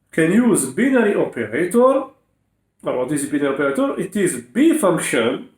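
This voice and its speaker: A man tutoring programming in an echoey room, with a fairly high, very animated voice. He uses non-native English phrasing and dictates code piece by piece, punctuated by short check-in questions. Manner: frequent rising check-in questions. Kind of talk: step-by-step coding lesson, spelling out code aloud.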